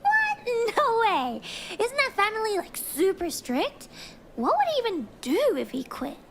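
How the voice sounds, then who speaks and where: A woman's voice: very high voice, big pitch swings, a little slow, a little hiss or hum, exaggerated voice. A woman playing a skeptical, down-to-earth young friend in scripted skit dialogue, sounding exasperated. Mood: disbelieving. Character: skeptical, hungry young female friend at dinner.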